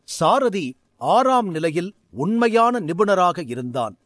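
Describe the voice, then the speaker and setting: A male storyteller reads a serialized fantasy tale with a high, lively, animated voice. The sound is dry and close to the mic, with no room around it. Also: slow pace, dry recording. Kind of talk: scripted story narration.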